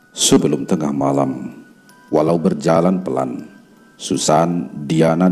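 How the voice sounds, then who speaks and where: A man narrating a horror story in a measured, dramatic way. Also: a bass voice, warm tone. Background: faint background music.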